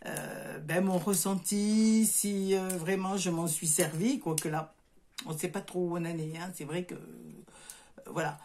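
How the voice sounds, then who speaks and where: This middle-aged crafts vlogger, from southern France and carrying its accent, has a medium-pitched, slightly mellow voice. Indoors in her home craft workshop, she talks casually to camera, hesitant, full of fillers, and often restarting.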